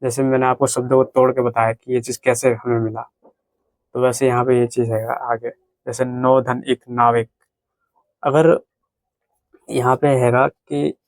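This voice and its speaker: Man teaching grammar in a flat voice. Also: medium pitch, no echo. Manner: repetitive, slow step-by-step explaining. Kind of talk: explanatory lesson at a whiteboard.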